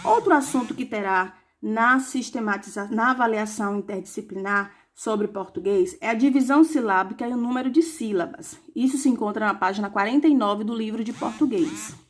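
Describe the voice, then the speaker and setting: Woman teacher spelling out words slowly. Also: a little high. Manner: slow, clearly spelled-out examples with rhetorical questions. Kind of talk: review lesson for young pupils.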